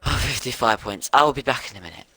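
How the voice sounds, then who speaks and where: A man doing casual live commentary on an online sim race, chatty and reeling off grid positions quickly. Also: medium pitch, expressive, background noise.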